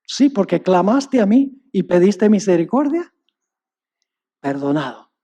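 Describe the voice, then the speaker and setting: A preacher voicing a powerful master in a parable who speaks gravely to his servant. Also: sits high, very animated, a little slow, warm tone, exaggerated voice. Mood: stern.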